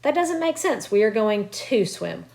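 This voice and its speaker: A woman's voice: medium pitch, very animated, measured pace, vocal fry, a little mellow. A woman teaching a recorded remote grammar lesson from her home. She explains patiently, step by step, and encourages her students. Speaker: Spanish teacher. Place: at home with children nearby.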